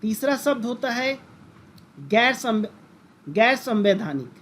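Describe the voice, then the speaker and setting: A man's voice: very high voice, big pitch swings, takes it slowly, a bit bright, slight background noise. A man teaching a lesson in lecture style, who keeps asking the class questions and repeating the key terms. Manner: addresses listeners as friends.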